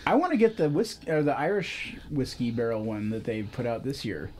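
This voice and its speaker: A man's voice: mid-range voice, expressive, normal speed, a little mellow, a little hiss or hum. A man co-hosting a beer podcast, chatting casually and joking around with his friends. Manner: joking, teasing. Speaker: podcast co-host. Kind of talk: casual chat over beer tasting.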